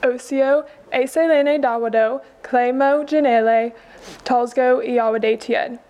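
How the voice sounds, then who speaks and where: A twenty-year-old woman from Oklahoma, a university student, introducing herself at a podium in a steady, composed way. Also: high-pitched, measured pace.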